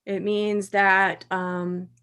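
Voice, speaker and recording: A woman on a panel answering hesitantly, with many pauses and ums. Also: medium pitch, flat delivery, fairly bright tone, clear, resonant tone.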